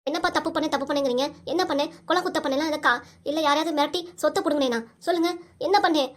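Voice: high voice, very fast, fairly bright tone. A woman voicing a young adult daughter with a southern Tamil accent, pleading with her father and refusing to give up her love. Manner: pleading, then firmly defiant.

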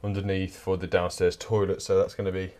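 Low-voiced electrician vlogging. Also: male voice, level tone, brisk, darkish tone. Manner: chatty, dry, explains as he works. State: out of breath at times. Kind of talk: casual work vlog narration. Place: house being rewired, indoors.

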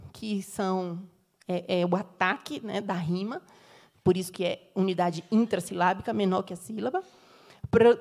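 A middle-aged Brazilian woman gives a university lecture in a fairly high voice. She explains patiently, point by point. She often tosses in tag questions to her audience. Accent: Brazilian Portuguese. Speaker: university professor giving a lecture. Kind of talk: academic lecture.

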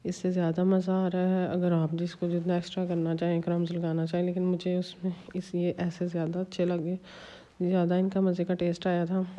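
A woman with a Pakistani Urdu accent narrates a home cooking recipe, explaining each step in a chatty, homely manner. Her voice sits low and mellow with little rise and fall. The voice-over sounds a little dull and lo-fi. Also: completely flat delivery, fairly quick. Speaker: cooking channel host.

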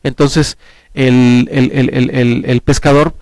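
A man's voice: medium pitch, slow pace, no echo. A man in his forties with a Mexican Spanish accent, a guest advisor explaining pensions earnestly on a studio talk show, speaking into a headset mic. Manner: earnest, explains at length with lively hand gestures. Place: small TV studio set, indoors.

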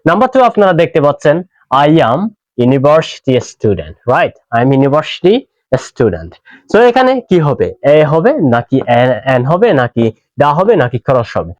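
A man with a Bangladeshi accent teaching an English grammar lesson, explaining step by step, repeating words slowly and asking "right?" as he goes. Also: a little high, dry recording. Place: classroom with whiteboard. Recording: dull, dry lo-fi sound.

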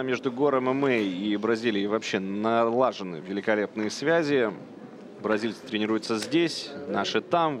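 A man giving live fight commentary. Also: mid-range voice.

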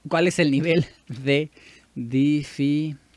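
Unhurried Mexican man thinking aloud. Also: fairly high pitch, fairly even intonation, a little mellow, slight background noise. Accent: Mexican Spanish. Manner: chatty, self-correcting, thinks aloud. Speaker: YouTuber doing language practice. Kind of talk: casual commentary while playing a language app.

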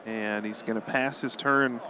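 A man calling a live card-game tournament match play by play, quick and analytical, chuckling often. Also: mid-range voice, fairly even intonation, sharp tone, a little hiss or hum. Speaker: tournament commentator.

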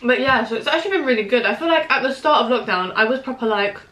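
High-pitched, animated and fast-talking, this fairly bright-voiced British woman in her 20s is vlogging a mukbang, chatting while she eats. She speaks casually and emphatically to the camera, peppering her talk with slang. She's indoors in a small room at home, and the recording has an echo to it.

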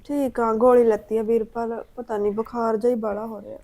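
An actress with a Punjabi accent playing a bossy older sister-in-law who scolds and snaps irritably. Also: female voice, on the high side, level tone, brisk, dark tone, natural voice. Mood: tired.

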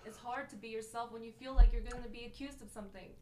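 Fast-talking woman, defensively explaining herself. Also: fairly high pitch, fairly even intonation, a little mellow. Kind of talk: casual argument on a livestream.

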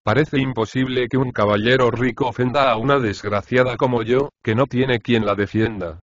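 A man plays a poor, overworked cook who complains and pleads. The voice is a little lower and slower than his narration. The recording is close, dry and a bit muffled. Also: steady tone, dry recording, lightly acted. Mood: complaining. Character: poor, overworked, self-pitying female cook. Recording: dry, slightly dull audiobook recording.

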